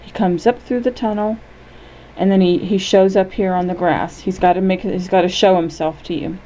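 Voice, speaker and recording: Mellow-voiced woman guiding an imagery lesson. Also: on the low side, steady tone, low-quality recording. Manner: gentle, unhurried, checks in often with "okay?".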